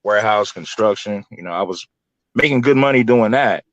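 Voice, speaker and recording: The recording is muffled but free of echo, carrying a lowish, slightly fast male voice. The speaker is an American YouTube content creator from Los Angeles, California, aged 30s to early 40s, likely late thirties, who guests on an interview in a loose, colloquial, repetitive way.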